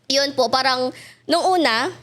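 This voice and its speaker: A young woman speaking as a guest in a casual interview, laughing often and mimicking others in a higher voice. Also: measured pace, fairly bright tone. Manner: laughs often, mimics her parents in a high voice.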